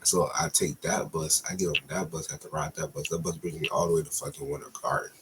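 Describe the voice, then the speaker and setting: Young guy with a real low voice rambling thru a storytime, cussing a lot, bit of faint hiss behind. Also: steady tone. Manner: loose, slangy and profane, drawn-out retelling. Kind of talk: casual storytime.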